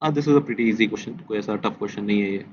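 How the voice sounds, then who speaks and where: A man teaching a test review, mixing Hindi and English as he goes. He reads key statements out slowly, repeats them, and keeps putting questions to his class. The recording sounds dull and lo-fi, with a faint hiss behind it. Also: fairly low pitch. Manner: quizzes students with questions. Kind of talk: test discussion lecture.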